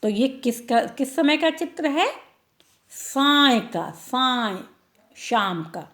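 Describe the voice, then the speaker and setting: Slow, patient woman teaching small children. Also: sits high, big pitch swings, a bit bright. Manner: slow, drawn-out word-by-word reading, tag questions to pupils. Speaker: primary school teacher. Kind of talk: online class for young children.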